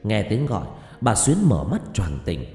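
A man's voice: lowish voice, moderate pace. A man narrating a suspenseful story as an audiobook reader. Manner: suspenseful, expressive reading. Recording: echoey room with long reverb and faint music.

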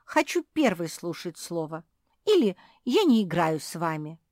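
A woman voicing the smallest female pug in a storybook, indignant and excitable, with high squeaky outbursts. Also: normal speed, no room sound, studio quality.

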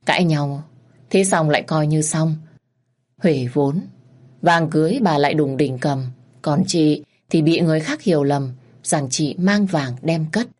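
A woman narrating a story in a calm, measured way. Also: low-pitched.

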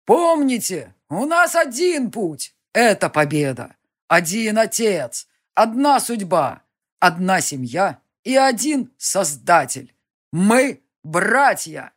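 Woman playing a fiery male leader with a slow, booming oratory. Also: sing-song. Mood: rallying. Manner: slow, solemn, declamatory oratory.

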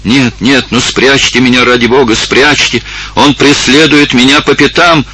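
A man's voice: low voice, lively intonation, normal speed, sharp tone, full character voice, low-quality recording. A man voicing a frightened fifteen-year-old peasant girl who pleads urgently in an audiobook. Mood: desperate pleading.

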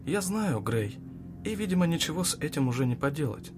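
A man voicing a defiant, unhinged young woman who mocks and shouts with hatred. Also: very animated, brisk, over music. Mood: fierce. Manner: mocking, shrill, shouting at times.

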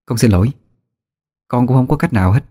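A man voicing a young woman exorcist in a ghost story, in a low, firm voice. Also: fairly quick, dark tone, dry recording, studio quality, lightly acted. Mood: grave.

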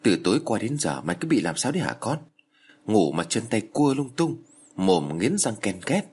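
A man's voice: fairly low pitch, big pitch swings, a little mellow, slightly rough. A man voicing a middle-aged mother who scolds her grown child in a horror story reading. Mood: scolding. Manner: scolding, brisk nagging.

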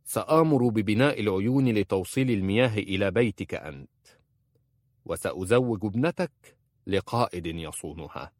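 A man voicing a calm, measured young prince in disguise in an audiobook. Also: lowish voice, dry recording, clean studio sound.

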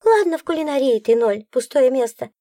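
A woman's voice: sits high, lively intonation, a little fast, mellow, no room sound, studio quality, voice pushed up. A woman voicing a grumpy, sarcastic female magic book in an audiobook, grumbling and bossy. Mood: bossy lecturing. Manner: grumbling, bossy, sometimes cooing. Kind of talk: audiobook character voice.

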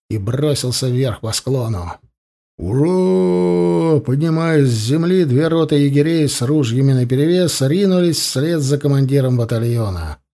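A man reading a novel aloud as an audiobook narrator, in steady storytelling and voicing the sound effects himself. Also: medium pitch. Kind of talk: scripted narration of a war novel.

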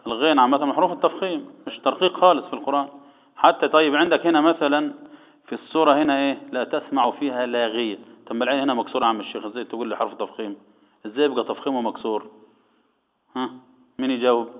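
A man's voice: medium pitch, fairly even intonation, rapid-fire. A man with an Egyptian accent teaching Quran recitation rules, quizzing his students and answering his own questions. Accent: Egyptian Arabic. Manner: asks the class questions and answers them himself. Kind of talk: tajweed lesson, quizzing students. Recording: echoey, tinny phone-like sound.

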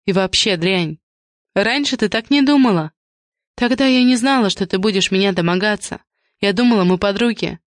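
A woman's voice: mid-range voice, moderate pace, no echo, natural voice. A woman reading an audiobook voices a frightened, disgusted pregnant woman who speaks sharply and coldly. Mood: hostile. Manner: sharp, cutting.

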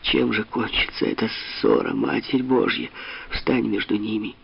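A man's voice: on the low side, steady tone, measured pace, vocal fry, husky, highs cut off, pitched above the performer's own voice, exaggerated voice. A man reading an anxious, pious mother. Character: anxious pious mother, baroness, middle-aged.

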